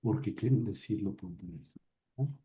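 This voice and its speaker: A man's voice: lowish voice, moderate pace, warm tone, lo-fi sound. A man teaching a patient, step-by-step lesson, with many fillers and restarted words. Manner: stumbles and restarts words mid-sentence. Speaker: Biblical Hebrew teacher. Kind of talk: recorded online lesson.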